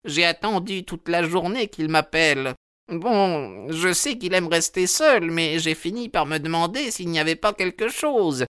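A man voicing a hysterical old female housekeeper in an audiobook reading, high and pleading. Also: expressive, measured pace, a bit bright, clean tone, no room sound, clean studio sound. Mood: anxious pleading.

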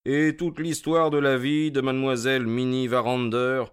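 A man plays a self-assured detective, cool and ironic, needling others in a calm, methodical way. His mid-range voice is smooth, resonant, and natural, delivered at a moderate pace in the style of a radio drama.

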